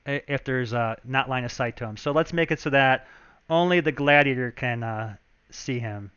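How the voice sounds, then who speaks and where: Man, game developer streaming live, chatty, thinks out loud with fillers; crisp, bright tone, dry close sound, a touch lo-fi. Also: mid-range voice, normal speed, dry recording. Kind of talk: casual live-stream walkthrough.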